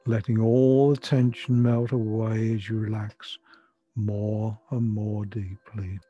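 An older man with a soft, breathy voice gently guiding a breathing and relaxation meditation in soothing, measured instructions. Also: lowish voice, level tone. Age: 60s or older. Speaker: relaxation therapy guide. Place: furnished room at home. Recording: dull lo-fi sound, music behind. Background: music.

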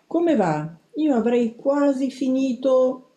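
A woman puts on a timid male mouse editor from a storybook, squeaky and hesitant, raised above her usual pitch. The voice has a mellow, dark tone and an echo from the room. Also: very animated, a little slow. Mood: flustered. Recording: roomy echo.

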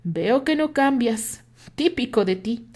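A woman's voice: fairly high pitch, animated, slow pace, a little mellow, pitched above the performer's own voice. Brief: woman playing confident mocking rival, firm and cutting, storybook reading. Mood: scornful. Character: self-assured man, firm and mocking rival.

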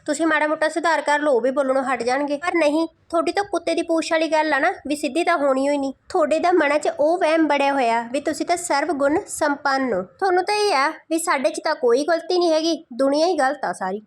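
A woman's voice: high voice, quick pace, few pauses. A woman giving mocking, insulting roast commentary in a scolding, sarcastic tone.

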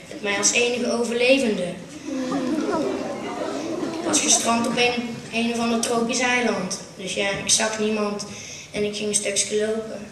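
A woman's voice: fairly high pitch, a little hiss or hum. Woman, Brabant Dutch accent, comic stage monologue, roomy hall, distant mic. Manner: storytelling with punchlines, lively. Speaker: carnival stage performer. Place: small theatre stage.

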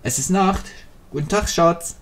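A man's voice: on the high side, a little slow. A man hosting a Let's Play, commenting on the game with jokey, rambling free association. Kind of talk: joking gameplay commentary.

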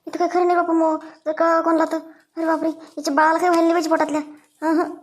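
A woman's voice: very high voice, flat delivery, very fast. A woman voicing a wailing anxious mother-in-law. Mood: tearful. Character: worried older mother-in-law, tearful.

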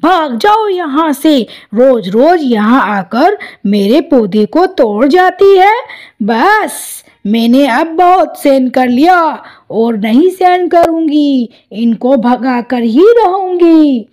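A woman voicing a cranky, scolding old grandmother sparrow in a cartoon, shouting at the hens in her garden. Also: high-pitched, lively intonation, slow pace. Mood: angry shouting. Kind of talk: cartoon voice acting.

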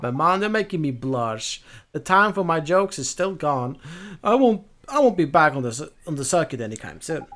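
A man's voice: on the high side, fairly bright tone. A man playing a video game who reads every character's lines aloud himself, with some asides of his own. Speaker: lets-play streamer. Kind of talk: reading game dialogue aloud.

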